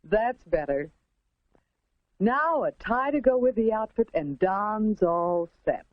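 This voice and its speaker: An American woman narrates in the manner of a 1950s educational film, prim and instructive. Her pitch moves in a lively way over carefully enunciated phrases. The sound is a dry, slightly muffled vintage film soundtrack. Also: slow, dry recording.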